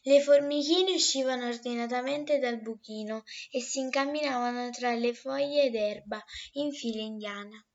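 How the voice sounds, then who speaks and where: A woman reading a children's story aloud, gentle and expressive. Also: a little high, moderate pace, hardly any pauses, lo-fi sound.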